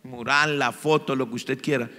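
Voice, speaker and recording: Fervent shouting preacher in echoing hall. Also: male voice, medium pitch, fairly even intonation, moderate pace. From Colombia. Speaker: pastor. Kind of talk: sermon. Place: church sanctuary. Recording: long church hall reverb.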